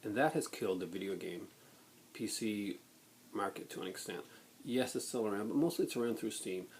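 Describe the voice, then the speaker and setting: A man in a blunt, exasperated rant to viewers, halting and then bursting into emphasis. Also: fairly low pitch, darkish tone. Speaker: video blogger. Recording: noticeable background noise.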